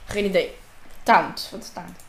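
Speaking a little slowly in a lowish voice, a woman gives casual commentary on the game she's playing, addressing both herself and her viewers. The desk-mic recording from her home room is reverberant, with a little hiss or hum.

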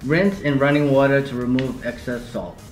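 A man's voice: mid-range voice, fairly even intonation, normal speed. A man joining a casual vlog as a co-host friend, easygoing as he reads facts aloud. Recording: echoey room with faint music.

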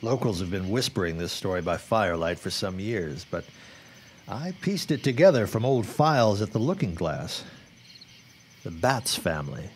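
A male actor with a low voice, wide pitch swings and a moderate pace plays a grim, wary 1910s newsman and worried father in a period radio drama. He speaks in formal, old-fashioned phrases with a grave, foreboding mood. Slight background noise is present.

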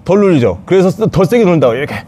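A man's voice: high voice, sing-song, rapid-fire, mellow, slight background noise. A man teaching a jiu-jitsu escape, talking in short repeated cues as he demonstrates on a partner. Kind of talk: hands-on technique demonstration.

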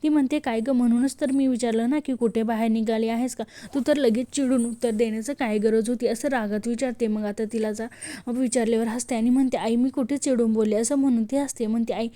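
A woman narrates a TV serial episode in a steady storytelling voice-over. She reads each character's lines without changing voice, with a fairly high, mellow tone. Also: brisk. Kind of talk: voice-over episode recap, retelling dialogue.

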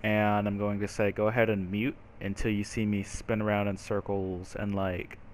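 A man's voice: fairly low pitch, little pitch movement, moderate pace, a little hiss or hum. A man giving casual, rambling, profane commentary while playing a video game. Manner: rambling, profane, yells at the boss. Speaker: gaming let's-player.

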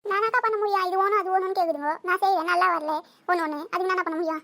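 A woman's voice: very high-pitched, steady tone, sharp tone, exaggerated voice. A woman doing a scolding mother. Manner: scolding, chatty, rapid. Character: harried village mother, scolding but caring. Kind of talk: cartoon voice acting.

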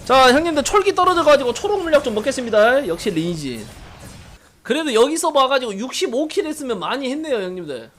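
A man's voice: extremely high pitch, sing-song, fast talker, fairly bright tone, slight background noise. A man streaming a mobile game, giving brash casual commentary, swearing and teasing his viewers.

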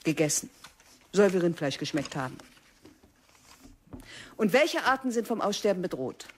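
A strict, dry biology teacher in her fifties in a radio drama. She lectures in a lowish voice, measured and deliberate, letting her pauses hang. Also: very animated, slight background noise. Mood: lecturing. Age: 50s.

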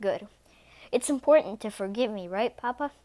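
A woman's voice: medium pitch, expressive, normal speed, mellow, natural voice. A woman doing a sweet curious kitten boy. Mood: innocent. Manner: innocent, asking questions.

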